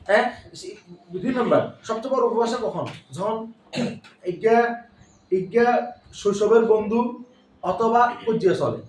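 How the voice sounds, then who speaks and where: A Bangladeshi man teaching a passage to a class, going through it line by line and pausing often to check that his students follow. His voice sits a little high for a man and sounds far from the mic, in an echoey room with a faint hum of ambience behind him. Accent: Bangladeshi Bengali. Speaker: English teacher. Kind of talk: classroom lesson explaining a passage.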